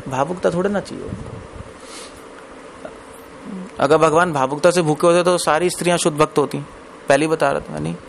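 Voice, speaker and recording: Conversational male preacher, slightly high voice. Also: fairly even intonation, brisk, creaky, pauses often, slight background noise. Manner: conversational, asks the audience questions; mixes English phrases into Hindi. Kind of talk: Hindi scripture discourse.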